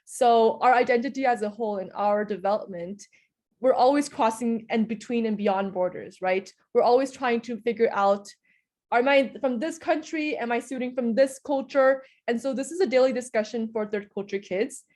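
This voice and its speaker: A young Hungarian woman answers interview questions earnestly, explaining her points and often hedging with small qualifiers such as "in a sense." Her voice is a little high with a darkish tone, at a moderate pace.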